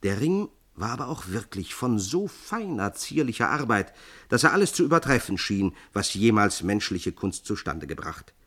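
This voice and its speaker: A man reading a classic fairy tale aloud in measured scripted narration. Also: on the low side, big pitch swings, a bit bright. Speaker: audiobook narrator.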